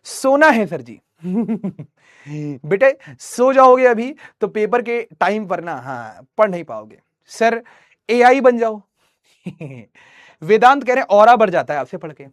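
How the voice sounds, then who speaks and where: A man's voice: high-pitched, sing-song, slow pace, no echo, studio quality. A young man teaching math live online, teasing students and reading their chat messages.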